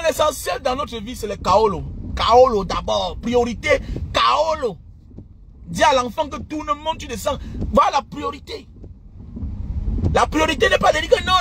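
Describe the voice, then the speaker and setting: A middle-aged man giving emphatic, repetitive life advice in a casual preachy monologue, sometimes breaking into shouts. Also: very high voice, a little hiss or hum. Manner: emphatic, lecturing, repeats phrases, bursts of shouting.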